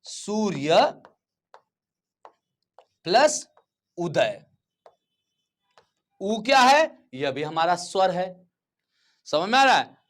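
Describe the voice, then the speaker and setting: A man's voice: high-pitched, very animated, fairly bright tone. A man teaching a grammar lesson to children, stretching out words and often asking whether they follow. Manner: repeats words slowly and checks understanding.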